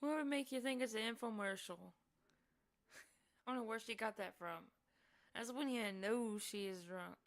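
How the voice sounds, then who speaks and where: A woman's voice: a little high, moderate pace, long pauses. Chatty, amused woman streamer. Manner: chatty, amused, often laughing. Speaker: streamer reacting to a video. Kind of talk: casual live-stream commentary.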